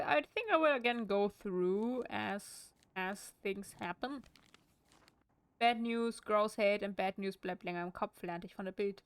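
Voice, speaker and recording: A woman's voice: mid-range voice, clear, resonant tone, no echo. A woman with a German accent streaming a game at home, reading in-game text aloud with wry, chatty asides.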